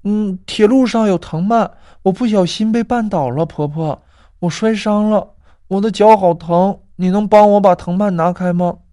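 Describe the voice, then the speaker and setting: A man voicing a frightened village schoolgirl, pitching his voice up and pleading in a high whine. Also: normal speed, warm tone, close to an everyday voice. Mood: crying, frightened.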